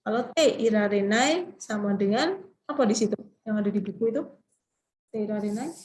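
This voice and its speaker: A woman's voice: medium pitch, animated, fairly quick, darkish tone, rough recording. A woman teaching Japanese grammar in an online class, explaining patiently and calling on students to read.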